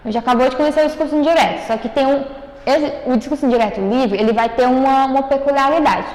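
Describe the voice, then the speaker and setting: A woman's voice: high-pitched, fast, a little mellow. A woman teaching a writing lesson to schoolchildren, patiently checking that they follow with frequent "ok?" and "né?". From Brazil. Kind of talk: recorded online class. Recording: echoey room, long reverb.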